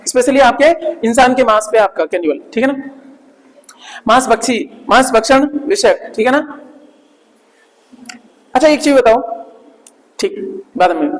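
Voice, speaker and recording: Hindi-speaking male teacher, reverberant room. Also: very high voice. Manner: drills pronunciation, asks students to repeat; tag questions and playful jokes. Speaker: English vocabulary teacher. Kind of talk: classroom vocabulary lesson.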